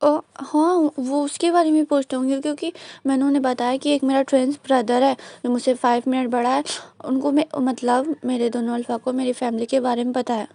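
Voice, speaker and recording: Tearful, pleading young man in a storybook reading, put on by a woman; high, gravelly tone, repeats words. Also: little pitch movement, brisk, dark tone, no room sound. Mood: earnest.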